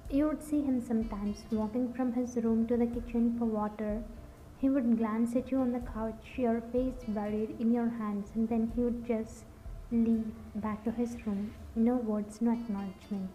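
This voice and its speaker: Mellow woman narrating a story. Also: on the high side, fairly even intonation, normal speed. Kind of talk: scripted second-person story narration. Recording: dull lo-fi recording. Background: faint music.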